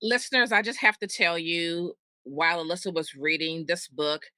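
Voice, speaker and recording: A woman co-hosting a podcast in casual chat, reacting to her co-host in an amused, lively way. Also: fairly low pitch, moderate pace, clean tone, dry recording.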